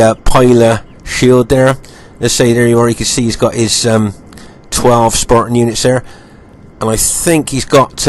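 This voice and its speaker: Over strategy game footage, a man gives unhurried commentary in a croaky voice as he recovers from illness. He speaks at a medium pitch, says um a lot, and repeats his points.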